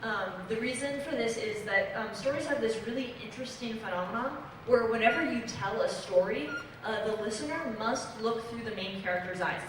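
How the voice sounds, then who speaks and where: Earnest young woman in echoing hall. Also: a little high. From Belgium. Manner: earnest, filler-laden explaining. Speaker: comics panelist. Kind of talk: convention panel talk. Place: convention hall. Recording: echoey hall, distant mic, noisy.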